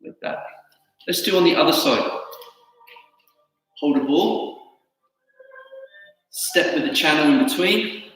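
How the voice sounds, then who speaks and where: A man teaching tai chi, giving calm, unhurried step-by-step instructions in short phrases. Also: fairly high pitch. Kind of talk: instructional movement cues. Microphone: camera at a distance. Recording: very echoey hall, distant mic, faint music.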